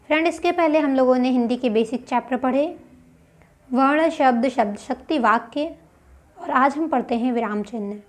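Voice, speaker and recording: A woman's voice: high-pitched, moderate pace. A woman teaching a grammar lesson for exam prep. She explains step by step and asks questions that she then answers herself.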